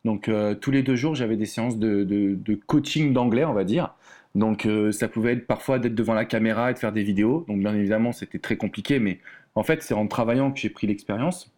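Chatty French guest, relaxed and loose. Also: male voice, on the low side, fairly quick. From France. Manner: relaxed, chatty, many fillers and restarts. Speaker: relationship coach, guest. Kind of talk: casual interview chat.

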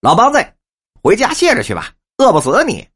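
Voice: medium pitch, huge pitch swings, normal speed, fairly bright tone, husky, voice pushed up, heavily acted. A narrator doing a sly, mock-polite wife. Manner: mock-polite, sing-song. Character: sly teasing middle-aged wife.

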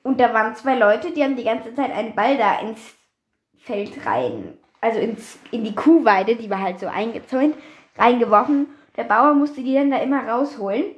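Chatty high-voiced girl, echoey room. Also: expressive, lo-fi sound. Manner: chatty, quick to correct and interject. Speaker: podcast co-host. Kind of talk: casual storytelling chat.

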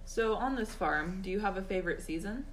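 A woman's voice: mid-range voice, lively intonation, brisk, a little hiss or hum. A woman as interviewer in a scripted mock interview, reading her questions carefully.

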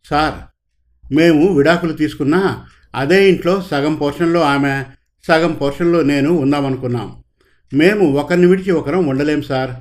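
A man's voice: fairly high pitch, moderate pace, close to an everyday voice. A man voicing a timid, affectionate middle-aged husband who speaks meekly. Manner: meek, pleading.

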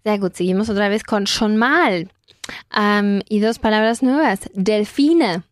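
A woman's voice: mid-range voice, a little slow, dry recording. A woman teaching German in Spanish, patiently repeating phrases and correcting her student. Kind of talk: language lesson in Spanish.

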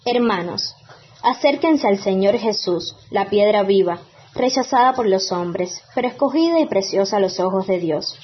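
A woman's voice: medium pitch, lively intonation, moderate pace, slightly rough, highs cut off. A woman reading scripture as a lector at Mass in a formal, declamatory manner.

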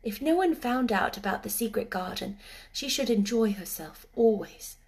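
A woman's voice: on the high side, lively intonation, moderate pace, a little mellow. Woman reading a storybook aloud. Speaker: audiobook narrator. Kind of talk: storybook narration.

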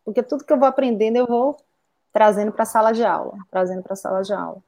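A woman's voice: fairly high pitch, fast talker, dark tone. A middle-aged woman with a Bahian accent, a pilates instructor and physiotherapist, chatting as a guest and telling stories with many asides. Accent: Bahian Portuguese. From Bahia, Brazil. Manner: talkative, storytelling with asides. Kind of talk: casual conversation.

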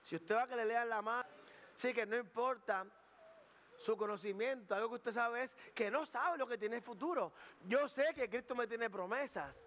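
High-voiced man preaching in a reverberant hall. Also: moderate pace, fairly bright tone. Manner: conversational preaching with jokes and asides; slips in English words. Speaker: pastor. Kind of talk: sermon.

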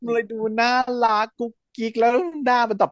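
A man's voice: very high-pitched, completely flat delivery, a little fast, a bit bright, no room sound. A man hosting a casual chat, recapping a story with energy and acting out the characters' lines. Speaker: podcast host recapping a series.

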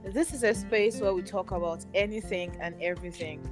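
Music plays behind this young woman from Nigeria as she co-hosts a podcast at a brisk pace. Her mid-range voice is sweet and soothing, and she rambles chattily with many fillers.

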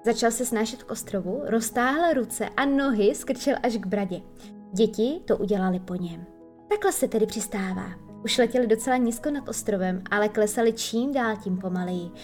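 A woman's voice: on the high side, darkish tone, soft background music. Woman reading a children's story. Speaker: narrator.

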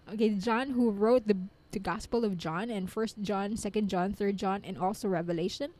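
A woman with a mellow, warm tone at a middle pitch reads a devotional text aloud and then reflects on it. Her talk is earnest and unpolished, full of restarts and soft fillers. The delivery stays calm and thoughtful. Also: moderate pace. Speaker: Bible study reader and presenter.

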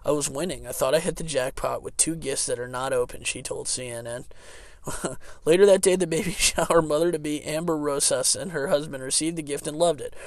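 A man's voice: on the high side, fairly quick, no room sound. A man co-hosting a casual podcast, laughing through his sentences and trailing off with fillers as he reads news stories aloud. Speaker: podcast co-host.

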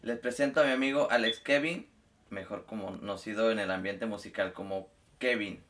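A man's voice: fairly low pitch, moderate pace, fairly bright tone. Upbeat man hosting. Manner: friendly, upbeat greeting. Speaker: host. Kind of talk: casual interview hosting.

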